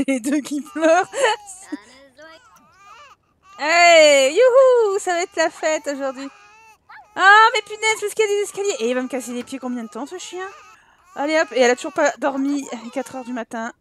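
A woman commenting on her life-sim game playthrough in a chatty, animated way, laughing often and exclaiming at what happens on screen. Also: sits high, normal speed, pauses often. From France. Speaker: gaming YouTuber. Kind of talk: Let's Play commentary.

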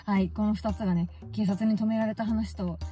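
A woman's voice: mid-range voice, fairly even intonation, a little fast, dark tone, faint music behind. A woman vlogger telling stories casually and animatedly, often exclaiming and laughing at herself. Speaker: baseball fan vlogger. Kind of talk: casual storytelling vlog.

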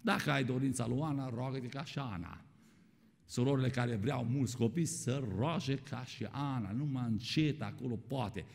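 Speaking in a gravelly, mid-range voice, a man gives a sermon that rings with the lingering reverb of a church hall. "My dear ones," he says again and again, questioning the congregation directly.

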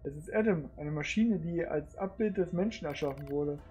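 A streamer calmly reading game narration aloud in the first person, in an even, measured manner. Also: medium pitch, a little hiss or hum.

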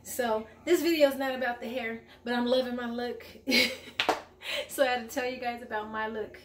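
A woman in her forties runs a casual grocery haul vlog from her home kitchen, camera held at arm's length, chatting upbeat to viewers. Her pitch is fairly high and her intonation fairly even, at a normal speed. Faint room noise and echo come through.

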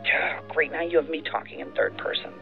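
In an audio drama, a woman plays a tense, stubborn federal agent who sounds exasperated and defensive. Her low, creaky voice moves fairly quickly through a tinny, narrow-band phone filter, with soft background music behind.

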